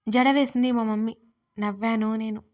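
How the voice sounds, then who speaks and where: A woman, the writer and narrator, telling a romantic story in the first person in a lively, chatty way. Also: on the high side, moderate pace.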